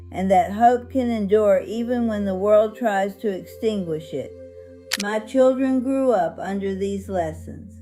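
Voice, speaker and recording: A woman voicing a dignified, hopeful 101-year-old survivor, narrating her life story in a solemn, earnest, measured way over music. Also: mid-range voice, warm tone, close to an everyday voice. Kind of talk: scripted first-person life-story narration.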